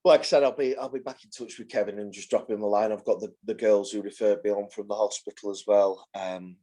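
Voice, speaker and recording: A man's voice: lowish voice, steady tone, brisk, warm tone. A man in his forties, a carer taking part in a support group on a video call, talking hesitantly and often repeating words as he restarts. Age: 40s. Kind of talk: casual group chat.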